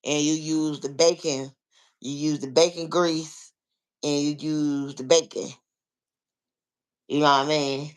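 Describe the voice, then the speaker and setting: American vlogger in casual, unhurried explaining chat. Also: mid-range voice, flat delivery, clean tone. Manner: conversational, explaining step by step, repeats "like" and "you know". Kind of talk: casual chat, answering listeners.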